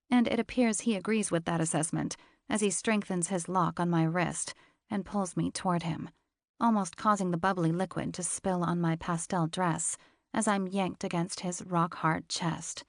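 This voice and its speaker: Female romance audiobook narrator, intimate and confessional, gravelly, dry studio sound. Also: lowish voice, fairly even intonation, moderate pace, no echo. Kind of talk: scripted first-person romance narration.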